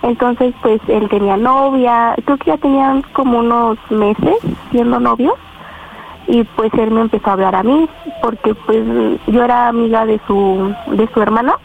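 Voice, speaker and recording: A woman's voice: on the high side, steady tone, moderate pace, vocal fry. A teenage girl with a Mexican accent calling in to a radio show, hesitant and full of fillers. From Estado de México. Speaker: caller. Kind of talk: telling her story to a radio host. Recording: tinny phone line with faint noise.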